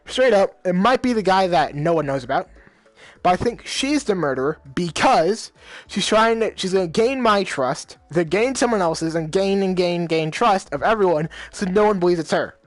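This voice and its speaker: A man plays a visual novel, reading the dialogue aloud in his own voice and rambling in casual slang between lines, with many fillers. His voice is high with lively intonation at a normal speed, and there's no echo.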